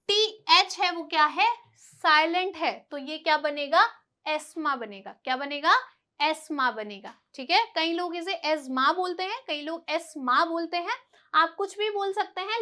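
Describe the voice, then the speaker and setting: A woman teacher with a very high, bright voice runs a vocabulary lesson. She patiently explains each word and stresses how it is pronounced. She drills her listeners by asking questions and answering them herself.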